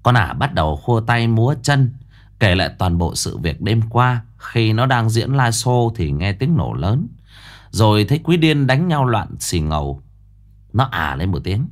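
Man, ghost story narration, lower pitch, very animated intonation. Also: measured pace.

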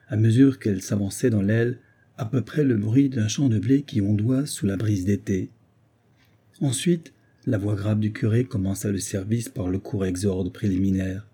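A man narrating a classic novel in a measured literary reading. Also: fairly low pitch, warm tone, slightly rough. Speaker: audiobook narrator. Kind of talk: scripted narration.

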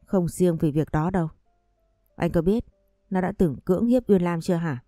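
A man's voice: high-pitched, normal speed, mellow, no room sound, studio quality, soft background music. A woman voicing a furious uncle who harshly accuses his nephew in a read-aloud story.

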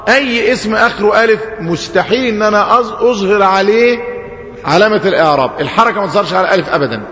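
High, fast-talking Egyptian sheikh teaching. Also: male voice, fairly bright tone. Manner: explains by asking questions and answering them himself. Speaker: sheikh teaching Arabic grammar. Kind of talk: classroom grammar lesson. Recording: echoey hall, dull lo-fi sound.

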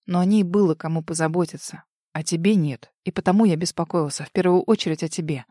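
Quiet, controlled young nobleman, as a woman reads him; low, even voice in a dry, close sound. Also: fast, no echo, close to an everyday voice. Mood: calm. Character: calm, cold-voiced young nobleman, a commander.

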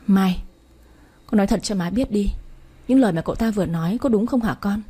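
A woman's voice: mid-range voice, a little fast, mellow, husky, natural voice. A woman reading the part of a worried, stern middle-aged mother who scolds her daughter. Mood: reproachful. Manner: scolding, reproachful. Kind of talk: audiobook story reading.

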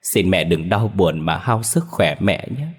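A man voicing the weeping ghost of a young man in a horror story, sobbing and pleading softly. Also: deep voice, unhurried, slightly rough, in a large hall. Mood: mournful.

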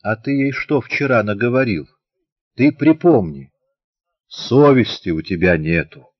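A man's voice: medium pitch, animated, measured pace, no room sound, dull audio, voice pushed up. Man doing a grumbling peasant mother. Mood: scolding. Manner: scolding, homely. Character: grumbling but kindly peasant mother, stern.

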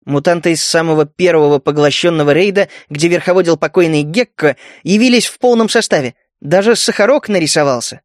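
High-voiced man narrating an audiobook. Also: a little fast, hardly any pauses, no echo, studio quality.

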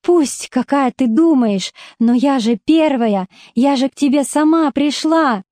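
A woman reading an audiobook, voicing a distraught middle-aged woman who pleads with her brother through tears, in a raised, slightly higher voice. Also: a little slow, dark tone, no room sound, studio quality. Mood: desperate. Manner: tearful, pleading, rising to outbursts. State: crying.

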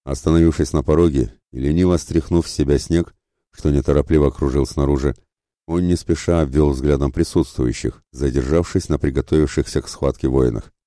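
A male audiobook narrator telling a fantasy story in a steady storytelling manner. His voice is extremely deep and dark. The recording is dry and close. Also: fairly quick, no room sound. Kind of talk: scripted narration.

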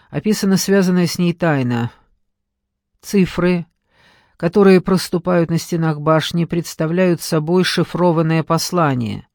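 A man's voice: on the high side, no echo, studio quality. A man reading an audiobook, voicing a frightened captive who pleads and stammers. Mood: pleading.

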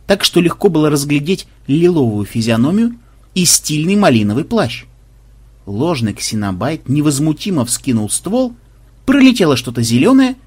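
A man narrating an audiobook in a lively storytelling manner. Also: fairly high pitch, slightly rough.

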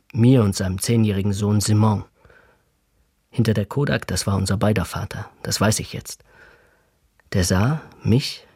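A man narrating a radio drama in a slow, reflective way, recalling a childhood photo. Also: on the low side, gravelly, a little mellow, husky, dry recording, studio quality, exaggerated voice.

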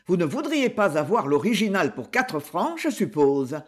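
A man doing a husky, mocking auctioneer. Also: high voice, big pitch swings, moderate pace. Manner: mocking, mock-grand sales patter. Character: ironic condescending male auctioneer, middle-aged.

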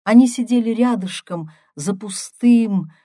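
A woman reading a first-person story aloud as an audiobook in a measured, unhurried way. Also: on the high side, dark tone, no echo, studio quality. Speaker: audiobook reader.

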